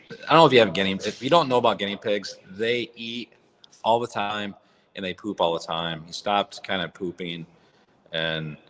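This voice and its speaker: A man's low, slightly bright voice echoes around a barn as he hosts a casual livestream on a phone or app microphone, rambling in a blunt, raw way.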